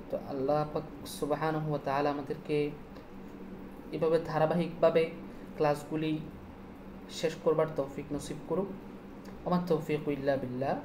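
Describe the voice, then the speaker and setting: A woman teaching an online Urdu lesson, spelling words out letter by letter slowly and repeating them. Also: lowish voice, warm tone. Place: indoors at night, city street sounds outside. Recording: echoey room, faint street noise.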